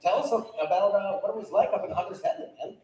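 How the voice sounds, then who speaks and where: A man's voice: high-pitched, fast talker, mellow. A man casually hosting a live stage variety show. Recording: very echoey live hall.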